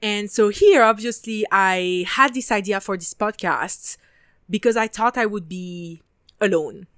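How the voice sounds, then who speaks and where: A talkative Parisian woman in her twenties hosts her own solo podcast in English, speaking with a French accent, slipping into native French, swearing casually and laughing often. Her mid-range voice is unhurried and a bit bright. The recording is dry and of studio quality.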